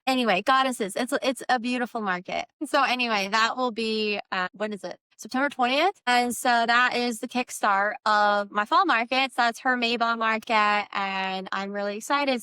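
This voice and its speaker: Bright, crisp-voiced woman rambling casually. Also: on the high side, no echo. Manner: informal, meandering, frequent "like" filler; earnest, spiritual new-age way of explaining. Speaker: candle maker presenting own work. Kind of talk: casual rambling product vlog.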